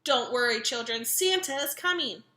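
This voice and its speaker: A woman voicing a jolly, hearty old Santa in a children's storybook, booming and exclaiming. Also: lively intonation, moderate pace, bright, forceful tone, roomy sound. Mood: hearty, cheerful.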